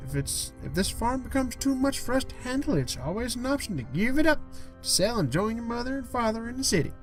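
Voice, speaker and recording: A man's voice: very high-pitched, sing-song, a little fast, faint music behind, voice pushed up. A man voicing a kindly but stubborn old grandmother in a raised, thin voice. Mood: earnest.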